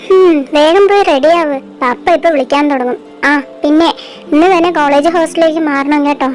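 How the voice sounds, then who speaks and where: A woman's voice: high voice, brisk, lightly acted, rough recording. A young woman voicing a nagging, exasperated mother in a fan dub drama, with faint music behind. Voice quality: sharp, nagging. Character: scolding middle-aged mother, exasperated.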